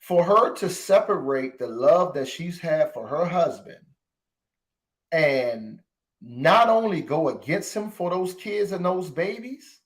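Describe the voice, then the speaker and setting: A man with a slightly high voice hosts a podcast and speaks with open emotion. He addresses his listeners directly and repeats phrases to drive each point home. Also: expressive, takes it slowly. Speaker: podcast host. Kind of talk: impassioned commentary.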